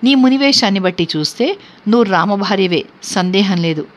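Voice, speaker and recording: A woman voicing a humble, devoted male monkey messenger in a scripture reading, with steady, questioning recitation and a dull lo-fi sound. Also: medium pitch, fairly quick, close to an everyday voice. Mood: reverent questioning. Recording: dull lo-fi recording.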